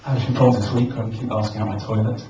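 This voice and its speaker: Man telling deadpan jokes in a club. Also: on the low side, very fast. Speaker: stand-up comedian. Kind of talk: stand-up at an open mic. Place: small comedy club. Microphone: camcorder at the back of the room. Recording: echoey, dull, noisy camcorder recording from far off.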